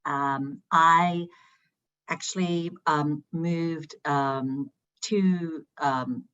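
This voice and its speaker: A woman from Iran who grew up in the UK, telling her career story on a panel in a halting way with many ums. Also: low voice, fairly even intonation, fairly bright tone, clear, resonant tone, muffled recording. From Iran, raised in the UK. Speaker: panelist, managing partner.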